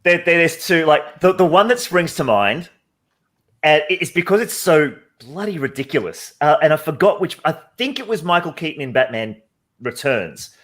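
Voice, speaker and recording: A man's voice: a little high, expressive, normal speed, a bit bright. A man, a guest artist, telling a rambling story in casual chat. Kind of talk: casual chat on a video call.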